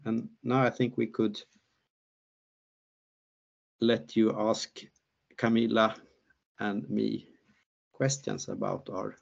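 A man's voice: fairly low pitch, fairly even intonation, slow pace, creaky, pauses often. An older man presenting research findings on a video call, hesitant with many fillers and restarts. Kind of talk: online conference talk and Q&A. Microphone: laptop mic on video call. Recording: muffled video call audio.

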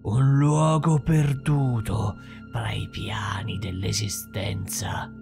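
A man voicing a monstrous two-headed male guardian, speaking in a slow, strangled, doubled whisper. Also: mid-range voice, wildly swooping pitch, exaggerated voice. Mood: ominous. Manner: slow, solemn, ominous. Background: music.

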